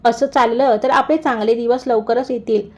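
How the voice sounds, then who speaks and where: A woman doing a gentle kind young wife. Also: on the high side, normal speed, natural voice. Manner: gentle, calm. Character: kind hardworking young wife, elder sister.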